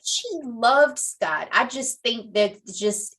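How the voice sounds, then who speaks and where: A woman's voice: fairly high pitch, takes it slowly, a bit bright. Emphatic, sassy woman podcast co-host. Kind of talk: casual chat.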